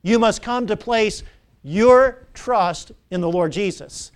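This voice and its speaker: A high-pitched male preacher in middle age delivers a sermon in a church. He drives his points home with repeated phrases and call-and-response questions to the congregation. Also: slow pace.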